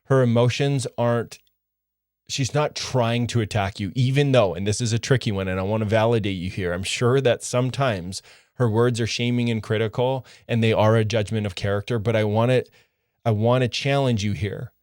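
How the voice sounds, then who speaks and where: A man's voice: mid-range voice, steady tone, normal speed, a little mellow, dry recording, clean studio sound. A man coaching other men on relationships, talking earnestly in short, clipped phrases. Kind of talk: direct coaching monologue.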